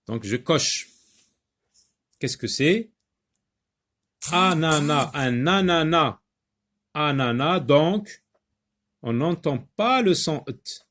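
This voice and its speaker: A man teaching a reading lesson to young children, repeating words slowly and patiently with many hesitant fillers. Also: mid-range voice. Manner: slow, patient, repeats words and syllables for learners; frequent hesitations with drawn-out fillers.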